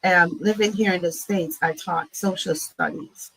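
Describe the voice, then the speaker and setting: In a rough recording, a nonprofit CEO from Barbados talks reflectively as an interview guest, often tagging her points with "right?". Her pitch is fairly low and her pace a little slow. The voice is gravelly and husky with a slight brightness.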